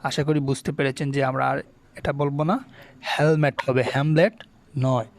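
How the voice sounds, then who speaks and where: A man's voice: mid-range voice, level tone, fast, creaky. A man teaching a spoken English lesson, spelling words out letter by letter and asking and answering his own questions. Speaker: English tutor.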